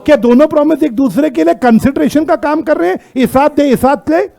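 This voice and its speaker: A man with an Indian accent teaching a classroom law lecture, constantly quizzing students with rhetorical questions and reading out English text slowly. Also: very high-pitched, gravelly, mellow.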